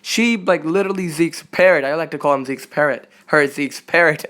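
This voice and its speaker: A young man hosting an anime reaction channel, recapping an episode in an excited, casual way, full of fillers and gushing asides. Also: fairly high pitch, a little fast. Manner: animated, filler-heavy, gushing.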